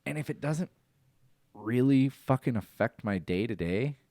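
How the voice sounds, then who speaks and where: A man hosting a casual podcast, telling profane stories in an animated way, his voice leaping up when he gets excited. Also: medium pitch, a little slow, no room sound, clean studio sound. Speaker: podcast host. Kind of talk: casual storytelling chat.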